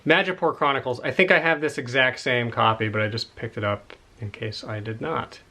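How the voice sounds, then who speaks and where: Guy chatting about his book haul, rambly and excited, kinda winded, medium voice. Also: medium pitch, a little fast. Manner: rambling, enthusiastic, with asides. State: slightly out of breath. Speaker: book collector showing a haul. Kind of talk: casual chat.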